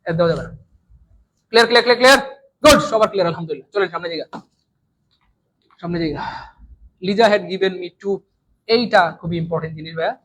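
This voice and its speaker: A man with a Bangladeshi Bengali accent teaching an English exam lesson live online, repeating and drilling words and swinging between loud and soft. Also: high-pitched, fast, pauses often, low-quality recording.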